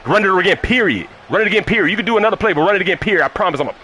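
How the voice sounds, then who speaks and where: A man's voice: high voice, animated, rapid-fire, sharp tone, a little hiss or hum. A man streaming a football video game live, heatedly mocking his opponent and repeating his taunts over and over. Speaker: gaming streamer.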